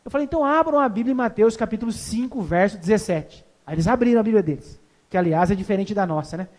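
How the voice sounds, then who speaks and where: A man's voice: high voice, quick pace, a little mellow. A man preaching an evangelistic sermon as a pastor. He tells a story, acts out the dialogue and keeps asking the congregation questions.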